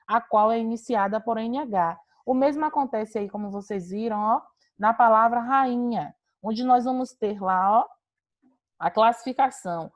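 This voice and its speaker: Patient woman teaching an online class. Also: a little high. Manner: patient and explanatory, repeats points, questions students by name. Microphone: video call.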